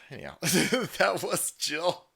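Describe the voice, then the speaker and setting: This is a man streaming live, mocking what he watches with crude, sarcastic jokes. His voice sits a touch high for a man and leaps all over the place, from shouted outbursts to quiet grumbling asides. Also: vocal fry, slightly rough. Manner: sarcastic, swings between shouting and mumbling. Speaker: livestream host. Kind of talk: profane commentary over clips.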